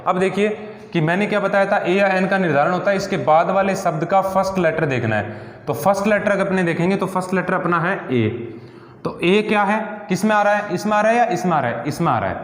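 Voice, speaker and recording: A male teacher explaining grammar step by step, often checking in with his class and asking rhetorical questions. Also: sits high. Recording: echoey room with long reverb.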